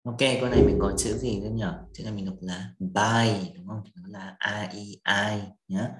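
Low-voiced man teaching in an echoey room. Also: steady tone, fairly quick. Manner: patient, explains step by step, checks with "right?". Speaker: English pronunciation teacher. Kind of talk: online quiz review lesson. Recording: echoey room with faint music.

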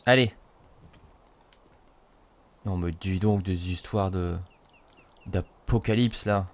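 A man's voice: deep voice, slow. A man from France hosting a let's play, chatting casually and reading the game's story text aloud with playful emphasis.

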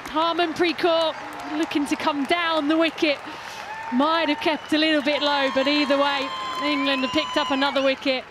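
Woman, cricket commentator, high pitch, chatty, noisy stadium. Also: flat delivery, normal speed. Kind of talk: live sports commentary. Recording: broadcast mic over loud crowd and noise.

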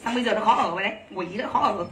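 A woman selling clothes on a livestream, talking rapidly and gushing over each piece while teasing her helpers. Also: mid-range voice, noisy background. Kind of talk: live sales pitch.

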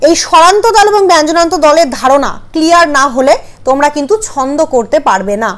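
A woman's voice: high voice, lively intonation. A woman teaching a grammar lesson, asking her students questions and sounding out syllables one by one. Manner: patient, questioning, spells out syllables slowly.

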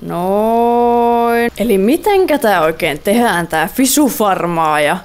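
A woman's voice: mid-range voice, animated, clear, resonant tone. A young woman giving playful, chatty let's-play commentary, repeating words and mixing in English phrases. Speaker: gaming YouTuber.

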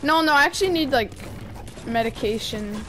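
High-voiced woman chatting over a game. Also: expressive, moderate pace, a little hiss or hum. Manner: chatty, restarts often, bursts into shouting. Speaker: gamer. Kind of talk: casual gameplay chat.

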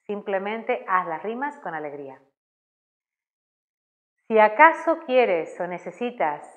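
A woman explains to fellow educators how to lead children's rhymes, in a calm and carefully articulated voice. She speaks at a mid pitch, and the recording is slightly muffled and lo-fi. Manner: calm, clearly articulated, demonstrates rhymes aloud. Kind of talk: instructional talk to educators.

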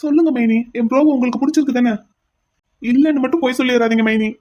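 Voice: sits high, quick pace, lo-fi sound, heavy background noise, natural voice. A voice actor playing an insistent, pleading young man in a cartoon. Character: brash young man pining for his brother's sweetheart.

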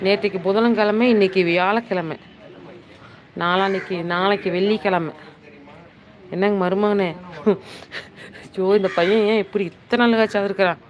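A woman's voice: mid-range voice, fairly even intonation, moderate pace, pauses often, muffled recording. A middle-aged woman hosting a casual live stream, chatty and teasing, full of exclamations as she reads viewers' comments into her phone. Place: hill town in the Nilgiris.

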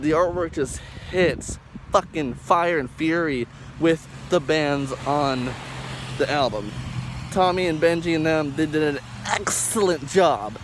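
Young guy doing a rambly review vlog thru a face mask, highish voice, loud n emphatic, noisy outdoors on phone. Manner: speaking loudly, emphatic, repetitive. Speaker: music reviewer. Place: outdoors in a parking lot. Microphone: phone held close at arm's length. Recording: outdoor phone recording with street noise.

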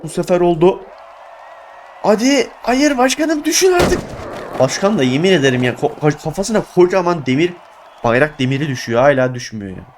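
A young man giving excitable let's play commentary, exclaiming and groaning at his failures. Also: a little high, a little fast, slight background noise. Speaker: gaming YouTuber.

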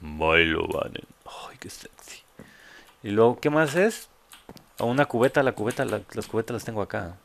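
A man's voice: mid-range voice, fast, creaky, a little hiss or hum. A man with a Mexican accent giving casual, joking let's play commentary full of crude slang. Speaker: gamer host.

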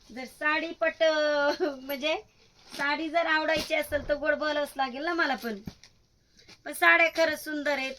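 A woman's voice: sits high, pushed and bright, a little hiss or hum, low-quality recording. A woman, sweet-talking and eagerly praising sarees in a shop vlog. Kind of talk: lively sales vlog.

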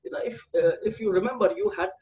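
A man's voice: high voice, fast, dark tone, muffled recording. Older man presenting with many fillers. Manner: hesitant, many "uh" fillers and repeated words. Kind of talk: online seminar presentation. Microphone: headset on a video call.

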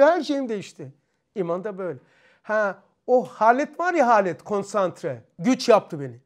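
A man giving an informal religious lesson to a group of teenage students. He keeps asking them questions and acts out blows and shouts with sound effects. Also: extremely high pitch. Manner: lively, questioning the students, acting out strikes with sounds. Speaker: religious teacher.

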